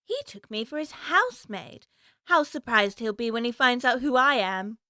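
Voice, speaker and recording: A woman's voice: a little high, animated, moderate pace, sharp tone, no room sound, studio quality. A woman playing Alice, a curious young girl chattering away to herself in a prim, wondering way, for a full-cast audiobook. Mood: musing.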